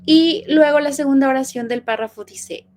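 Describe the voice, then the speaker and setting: A woman's voice: sits high, moderate pace, darkish tone, slight background noise. A woman teaching a lesson on punctuation, explaining patiently with fillers and checking questions.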